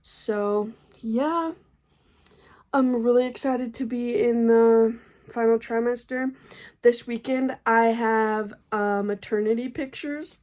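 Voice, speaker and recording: A young, heavily pregnant woman vlogs a casual update about her pregnancy, out of breath and chatty, slangy and laid-back. Her voice is a little high with a darkish tone, and she speaks slowly.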